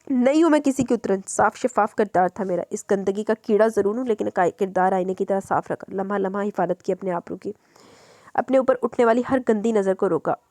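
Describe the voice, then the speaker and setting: A woman's voice: medium pitch, fairly quick, a little mellow, no echo, lightly acted. A woman voicing a defiant, wronged young woman in an audiobook novel, speaking with fierce indignation.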